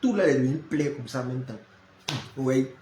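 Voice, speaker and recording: A man's voice: mid-range voice, lively intonation, a little fast, warm tone, a little hiss or hum. A man hosting a casual live stream from home. He greets viewers by name and scatters "là" and "hein" through his talk. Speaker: live-stream prayer host. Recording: roomy echo.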